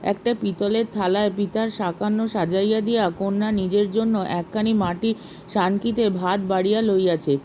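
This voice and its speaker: A woman storyteller reads a classic short story in a measured, expressive voice. Her tone is mellow and warm, with a middle pitch. She narrates at a steady, even pace. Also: slight background noise, poor audio.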